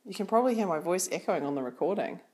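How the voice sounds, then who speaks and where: A woman's voice: on the low side, animated, racing, a little mellow. A woman with a New Zealand accent giving casual spoken commentary as she explores, often exclaiming in wonder. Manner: marvelling, exclamatory.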